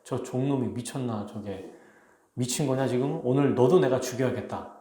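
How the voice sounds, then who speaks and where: A man's voice: medium pitch, moderate pace, mellow, close to an everyday voice. A man preaching acts out a cruel, arrogant nobleman who sneers and threatens, in an echoey church hall. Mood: sneering threat.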